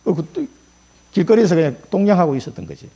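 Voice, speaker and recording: A man's voice: sits high, animated, quick pace, dark tone, breathy edge. A middle-aged male pastor preaching a sermon in a colloquial storytelling way, acting out quotes as he goes.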